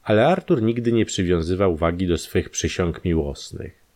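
A man narrates a crime story in a measured, scripted way. His voice sits very low yet moves in wide, lively melodic arcs.

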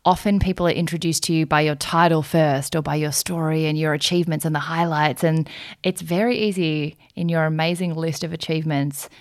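A woman hosts a podcast interview with eager enthusiasm and frequent laughter. Her voice sits a little low. The recording is dry and close. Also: steady tone, a little fast, no echo. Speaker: podcast host.

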